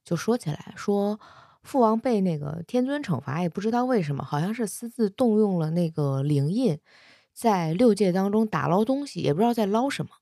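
A woman casually retelling a fantasy romance novel, chatty, with soft particles at the ends of her sentences. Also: medium pitch, lively intonation, brisk, no echo, clean studio sound. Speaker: storyteller.

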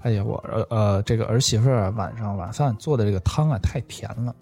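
A man's voice: lowish voice, fast talker, mellow, faint music behind. A man telling puzzles and stories to friends in a casual chat, matter-of-fact. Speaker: puzzle host.

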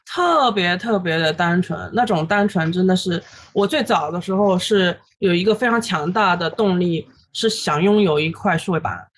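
A woman in her thirties, a guest illustrator on a podcast, recounting her story in an animated way with many fillers and English words dropped in. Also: fairly low pitch, normal speed, hardly any pauses, a little hiss or hum. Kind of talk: casual podcast interview.

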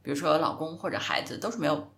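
A woman's voice: low voice, fast, gravelly, a bit bright. A woman hosting a casual podcast chat who agrees readily and puts her own views with emphasis. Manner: agreeable, with brief affirmations and emphatic opinions. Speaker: podcast host.

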